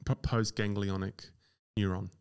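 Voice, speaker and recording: A low-voiced man co-hosting a medical podcast. His voice has a gravelly edge over a smooth, resonant core, and he explains things plainly and matter-of-factly. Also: little pitch movement, measured pace, darkish tone. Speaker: podcast co-host, doctor. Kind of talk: casual educational chat.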